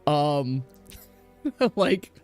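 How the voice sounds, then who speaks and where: A man with a fairly high, sing-song voice and a darkish tone serves as game master for a tabletop game. He explains the rules in a chatty, improvised way, stopping and starting over, while faint music plays in the background.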